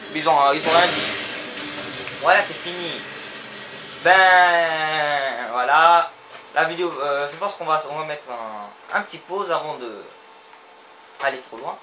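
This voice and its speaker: A young man casually commenting on his gameplay, excitable and talking back to the characters on screen, often repeating himself. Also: a little high. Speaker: let's play gamer.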